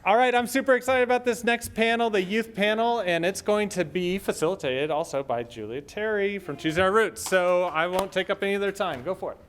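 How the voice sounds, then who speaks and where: A man's voice: high voice, brisk, hardly any pauses, fairly bright tone, smooth. A man hosting a conference, introducing the next panel in an upbeat announcing way. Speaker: conference host.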